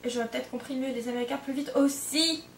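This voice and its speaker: The French au pair, in her twenties, talks fast in a high-sitting voice with fairly even intonation, wandering through her vlog with lots of fillers and self-corrections. A little hiss or hum runs under the roomy, echoey audio, recorded far from the mic.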